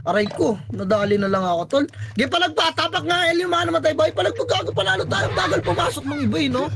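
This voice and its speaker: A man leading his squad in live team voice chat during a shooter match, barking rapid commands, counting down and swearing. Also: very high voice, sing-song, vocal fry, noisy background. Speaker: squad leader calling shots.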